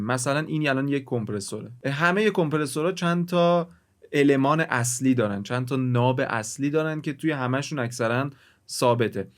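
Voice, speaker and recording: A man teaching music mixing in a casual, chatty way, talking straight to the viewer and explaining with everyday examples. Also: medium pitch. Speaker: music production instructor. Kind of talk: casual screen-recorded tutorial.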